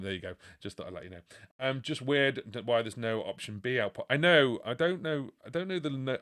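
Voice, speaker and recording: A man's voice: on the low side, a bit bright. A man in his forties from the UK, casually chatting on a music live stream and answering viewer questions with lots of fillers. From United Kingdom. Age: 40s.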